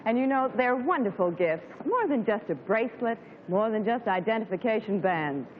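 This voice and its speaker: A woman's voice: fairly high pitch, expressive, moderate pace, highs cut off. A woman presenting a scripted live commercial on 1950s television. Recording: thin, hissy 1950s television broadcast.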